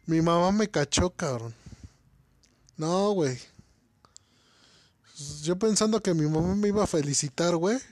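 Young Mexican man, high voice, dry recording, casual slangy storyteller. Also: unhurried, pauses often, darkish tone, no room sound. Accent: Mexican Spanish. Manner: slangy, laughing, peppers talk with "güey". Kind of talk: casual chat.

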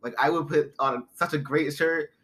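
Bright-voiced young man in casual chat. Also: on the high side, fairly even intonation, normal speed. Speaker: podcast co-host.

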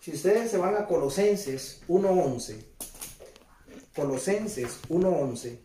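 A man's voice: on the high side, lively intonation, takes it slowly, mellow, slight background noise. A man preaching a conversational sermon who keeps asking his listeners questions and repeats his phrases. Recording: roomy, distant mic.

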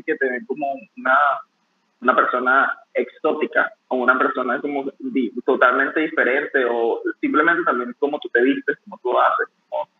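Man on a tinny call. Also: medium pitch. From Venezuela. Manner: relaxed, rambling, with many restarts. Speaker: barista guest. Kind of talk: casual interview conversation. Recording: tinny phone-like call audio.

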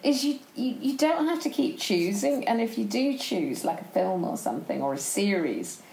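A woman's voice: medium pitch, sing-song, moderate pace, vocal fry, darkish tone, reverberant, poor audio. A woman co-hosting a casual chat, rambling and chatty and laughing often. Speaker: podcast co-host.

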